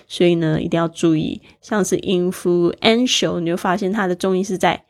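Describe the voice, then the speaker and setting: A woman's voice: lowish voice, fairly even intonation, fast, a little mellow. Woman teaching English vocabulary in Mandarin. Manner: spells words letter by letter and explains stress, with light laughs. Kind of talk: bilingual vocabulary lesson.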